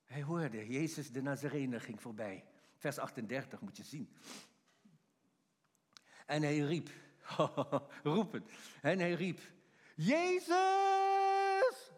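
A man's voice: medium pitch, expressive, takes it slowly, pauses often. A middle-aged man preaching a sermon in a folksy, emphatic way. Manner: emphatic, folksy, acts out shouted quotes. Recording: long hall reverb.

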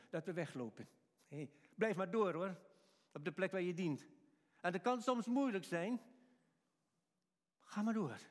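High-voiced preacher in an echoing church. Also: male voice. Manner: animated, acting out quotes, chuckling. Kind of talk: sermon. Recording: long reverb of a church hall.

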